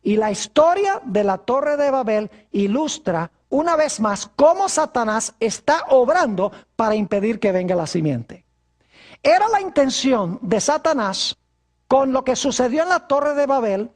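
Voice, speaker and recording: A woman preacher leading a televised Bible study in a formal, measured manner, slowing down to stress scripture verses. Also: high-pitched, darkish tone.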